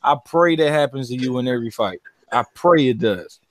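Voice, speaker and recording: A man co-hosting a casual livestream chat about boxing, animated and profane, his voice jumping up when he gets excited. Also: medium pitch, fairly quick.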